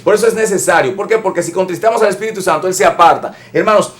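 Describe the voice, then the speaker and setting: A man's voice: sits high, racing, a bit bright. A man pastor preaching an emphatic sermon, repeating phrases and speaking straight to his listeners as brothers. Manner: addresses listeners directly as brothers.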